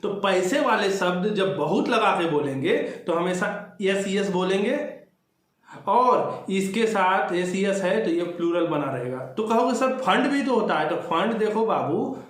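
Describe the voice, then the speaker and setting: A man's voice: high-pitched, lively intonation, unhurried, heavy reverb. A man teaching English grammar in a bilingual exam-prep lecture, talking conversationally, repeating key words and asking and answering his own questions.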